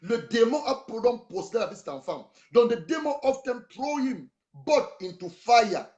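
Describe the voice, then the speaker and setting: High-voiced preaching man. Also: very animated, moderate pace, a little mellow, dull audio. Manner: switches between English and French, dramatic emphasis. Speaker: pastor. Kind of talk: sermon.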